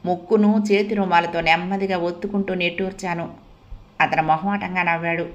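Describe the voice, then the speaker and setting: Soft-spoken woman telling a story. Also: on the low side, steady tone, brisk, highs cut off. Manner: soft, reflective first-person telling. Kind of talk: audiobook narration of a family story.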